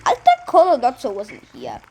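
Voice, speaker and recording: A woman's voice: high voice, wildly swooping pitch, moderate pace, darkish tone, slight background noise. A woman goofing around in a playful voice recording session, exclaiming and giggling.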